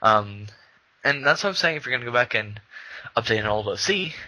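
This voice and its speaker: A man's voice: mid-range voice, expressive, brisk, sharp tone, no echo, low-quality recording. A young man co-hosting a podcast in casual chat, rambling with many fillers and restarts. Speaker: podcast co-host.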